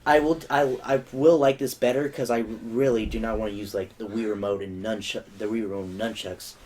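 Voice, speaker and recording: A man's voice: fairly low pitch, fairly even intonation, fairly quick, a little mellow. A young man hosting a casual gaming podcast, rambling with lots of fillers and restarts. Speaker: podcast host. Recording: faint background noise.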